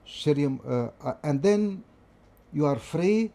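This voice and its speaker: This guest, a middle-aged political science professor from Lebanon, reminisces in an interview about his family and his schooling. His fairly high, warm voice carries lively intonation and some vocal fry, and his Lebanese-accented speech is measured and hesitant, peppered with fillers and restarts.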